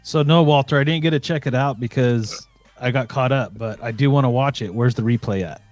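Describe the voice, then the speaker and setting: A man's voice: mid-range voice, fairly quick, darkish tone, no room sound, soft background music. A man co-hosting a live stream from his computer, bantering and teasing his partner in chatty talk full of restarts. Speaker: co-host of a live stream show. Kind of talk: casual chat. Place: home computer setup.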